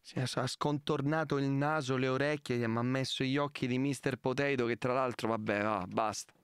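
A man's voice: mid-range voice, steady tone, fairly quick, smooth, dry recording. A man live streaming late at night, ranting in exasperation and swearing at a prank.

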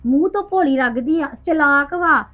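A woman's voice: high-pitched, normal speed, close to an everyday voice. An actress playing an aggrieved village woman who rambles through complaints about her in-laws, quoting them as she goes. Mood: indignant. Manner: indignant, rambling complaint with quoted asides. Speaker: actor in a short film. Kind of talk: village family drama. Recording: dull lo-fi sound with faint music.

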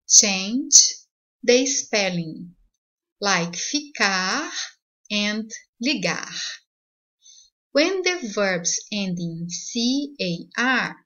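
A woman teaching a language lesson, switching between two languages, saying each example clearly and repeating it twice. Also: medium pitch, bright, forceful tone, dull audio. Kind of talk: slow bilingual language lesson.

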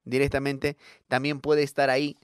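A man's voice: medium pitch, monotone, moderate pace, clean tone, dry recording, studio quality. A man, a radio host, telling a casual comic monologue with many fillers and tag questions. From Bolivia.

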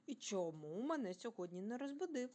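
A woman voicing a cautious, sensitive little boy dinosaur in a storybook reading, with a high, questioning childlike voice. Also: big pitch swings, a little fast, darkish tone. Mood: curious.

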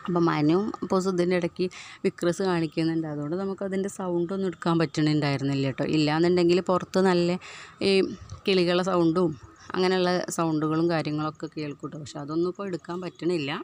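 A woman's voice: on the low side, steady tone, fast, a little mellow, slight background noise. A housewife from Kerala chattily narrating her daily chores over a home vlog, tagging her sentences with "you know?"; she is recovering from a tooth extraction. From Kerala, India. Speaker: housewife vlogger.

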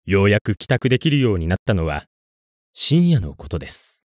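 A man reads a scripted ghost story in a low voice. His intonation moves widely, building suspense with deliberate pauses. The recording is close and dry. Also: very animated, no echo. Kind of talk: scripted horror story narration.

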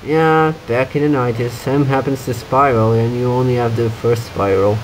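A man's voice: mid-range voice, steady tone, normal speed, slight background noise, rough recording. A man giving casual playthrough commentary, teasing his co-player and humming along to the game music. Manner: teasing, hums game tunes. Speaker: gameplay commentator.

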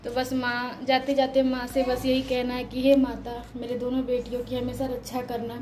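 A woman's voice: high voice, completely flat delivery, normal speed, a little hiss or hum, poor audio. A woman in her thirties, a mother and vlogger, speaking in a tearful, prayerful way about her family and her daughters. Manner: tearful prayerful speech, shouting at children. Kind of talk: casual devotional family vlog.

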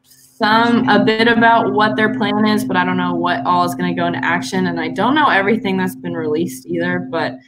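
A woman's voice: on the low side, steady tone, fairly quick, crowd noise, low-quality recording. A young woman from Canada, a guest swimmer, chatting casually with lots of fillers and easy laughter. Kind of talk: casual chat.

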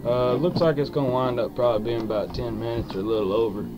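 A dip review vlogger, young and male, rambles casually to his camera with a mid-range, fairly even voice, drawing out his words hesitantly in a folksy manner since his lip is packed with dip. The small wood-panelled room has country music playing, and his webcam mic sits about an arm's length away.

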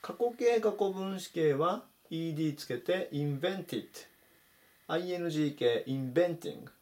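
A man teaching English vocabulary in Japanese, saying each word slowly and clearly in a voice-over lesson. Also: on the high side, a little mellow. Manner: slow, careful spelled-out pronunciation of English words.

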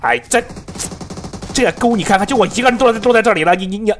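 A man giving excitable, profanity-laced live commentary on his own game, laughing and talking to his teammates. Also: sits high, quick pace, a little hiss or hum. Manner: excitable, swears often, laughs, talks to teammates. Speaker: game streamer.

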